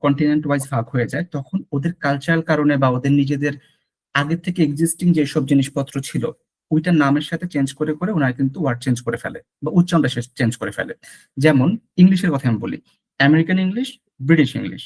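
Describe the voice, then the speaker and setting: A man's voice: fairly high pitch, fast talker, a little mellow, husky. A man teaching French pronunciation in an online lesson, patiently repeating sounds for his student. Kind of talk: online lesson mixing Bengali and English.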